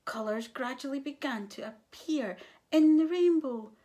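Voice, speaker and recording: A woman reading a children's picture book aloud, giving the animals voices and adding soft whispered asides. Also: sits high, a little slow. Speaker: storyteller.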